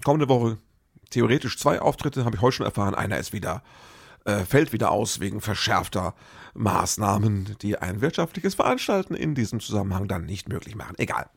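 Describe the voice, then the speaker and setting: A comedian telling rambling, self-correcting anecdotes in a casual monologue. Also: male voice, on the low side, expressive, brisk, gravelly, husky.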